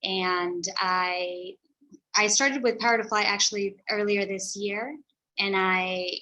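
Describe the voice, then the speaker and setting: Bright, enthusiastic woman on a call. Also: mid-range voice, a little hiss or hum, poor audio. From California. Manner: enthusiastic, earnest. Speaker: guest speaker. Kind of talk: casual video call chat. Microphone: video call.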